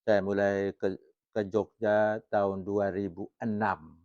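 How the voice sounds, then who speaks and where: A man in his late seventies with a low, unhurried voice, speaking calmly and nodding along with quick yeses. The sound is dry and close, a little dull and lo-fi. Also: dry recording. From Maumere, Flores, Indonesia. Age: 70s. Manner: calm, affirming with repeated short yeses. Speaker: retired school principal, guest. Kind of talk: casual interview.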